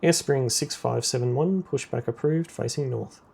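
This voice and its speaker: A man playing air traffic controller in a simulator game, giving clipped, procedural radio commands in a creaky voice. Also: mid-range voice, normal speed, darkish tone.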